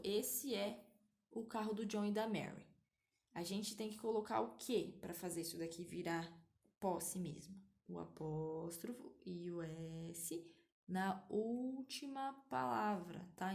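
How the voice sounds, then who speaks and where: Slow, patient Brazilian woman teacher. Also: medium pitch, creaky, a little mellow. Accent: Brazilian Portuguese. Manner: patient, explains step by step, checks in with "tá?". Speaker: English teacher. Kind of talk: online language lesson.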